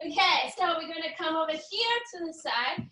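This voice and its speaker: A woman gymnastics coach leading a live warm-up, calling out short, repeated cues and counts with words of encouragement. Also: very high-pitched, lively intonation, normal speed. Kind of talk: live exercise instruction. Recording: roomy echo, distant mic, faint music.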